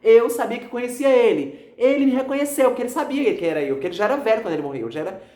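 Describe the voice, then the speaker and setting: Man, pastor, fervent testimony, rapid speech, echoey room. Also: very high-pitched, animated, mellow. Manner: fervent, repetitive, addresses listeners as brothers. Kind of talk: emotional religious testimony.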